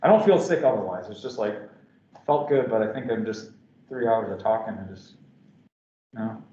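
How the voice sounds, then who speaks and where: A man's voice: on the low side, normal speed, dark tone. A man teaching a physics class with a sore throat and slightly slurred words, talking casually with lots of restarts and fillers. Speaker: physics lecturer. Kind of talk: classroom lecture. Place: lecture hall. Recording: echoey lecture hall, dull lo-fi sound.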